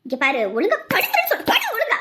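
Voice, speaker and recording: A woman playing a harried young mother scolding her crying baby at night, in a shrill, exasperated voice with a Tamil Nadu accent. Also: animated, brisk, heavy background noise. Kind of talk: family drama acting.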